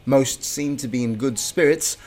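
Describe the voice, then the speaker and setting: Mid-pitched man narrating a news report. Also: moderate pace, darkish tone.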